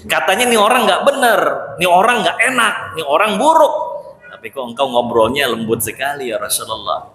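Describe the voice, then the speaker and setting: A puzzled pious young wife, put on by a male preacher, earnest and incredulous, raised bright voice, hall echo. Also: on the high side, fairly quick, lightly acted. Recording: echoey hall with long reverb.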